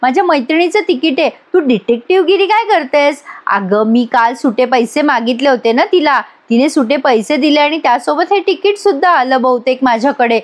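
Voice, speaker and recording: A woman voicing a teenage college girl making quick, defensive excuses. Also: sits high, lively intonation.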